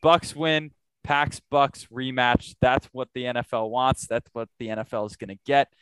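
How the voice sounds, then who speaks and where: A man's voice: mid-range voice, fairly even intonation, fairly bright tone, clear, resonant tone, no room sound. A man hosting a casual sports podcast, talking through his predictions with confidence. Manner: confident, quick to make picks. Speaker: podcast host.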